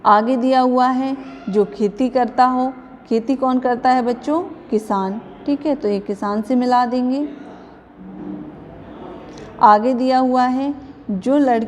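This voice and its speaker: Hindi teacher woman, slightly high voice. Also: a little mellow, big-room sound, slight background noise. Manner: patient, repeats answers, asks the class questions. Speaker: primary school teacher. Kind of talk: Hindi grammar lesson for young children.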